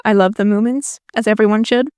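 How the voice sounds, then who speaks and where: This is a young adult YouTuber from Finland, a native Finnish speaker, poking fun at herself with dry humor in a casual Q&A voice-over. She talks fairly quickly in a steady, medium-pitched voice that's smooth and a little mellow, recorded close and dry without echo.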